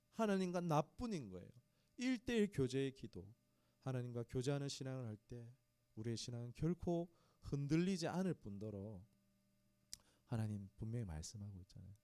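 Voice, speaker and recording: A man preaching a sermon in a warm, relaxed voice, chatting with his congregation as he goes. His pitch rises and falls with a lot of life. The sound is dry and close. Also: normal speed, no echo. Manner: conversational preaching, talks straight to the congregation. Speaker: pastor. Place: small church.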